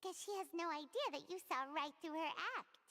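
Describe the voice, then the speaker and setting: A woman's voice: extremely high pitch, a little fast, fairly bright tone. A woman voicing a tiny chatty floating fairy companion in a video game, who talks about herself in the third person. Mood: chirpy, fidgety. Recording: game audio with faint hiss and long reverb.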